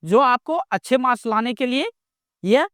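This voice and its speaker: A woman's voice: fairly high pitch, expressive, moderate pace, no room sound, clean studio sound. A woman from India teaching a classroom grammar lesson. She asks questions and answers them herself, repeating each point as a drill.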